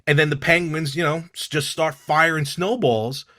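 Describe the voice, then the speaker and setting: Bright-voiced man, casual podcast co-host. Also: a little high, fairly even intonation. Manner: enthusiastic, quick to agree and interject. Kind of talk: casual chat.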